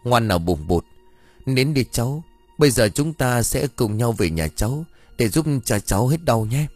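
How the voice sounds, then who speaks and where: A man voicing a gentle old village elder. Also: mid-range voice, big pitch swings, moderate pace, dry recording, soft background music. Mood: soothing. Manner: gentle, soothing, reassuring. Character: kindly older male village elder.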